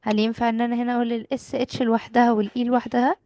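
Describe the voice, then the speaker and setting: A young woman teacher with an Egyptian Arabic accent gives a patient lesson to a child. Her voice sits a little high, and she quizzes and echoes the answers back. The sound is close and dry. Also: flat delivery, very fast, dark tone. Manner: patient, asks questions and repeats answers back. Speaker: English teacher.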